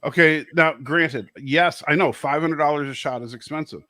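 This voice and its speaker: A man's voice: on the high side, normal speed, bright, forceful tone, no room sound, clean studio sound. A man hosting a casual chat, reading out viewer comments and laughing often. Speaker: host.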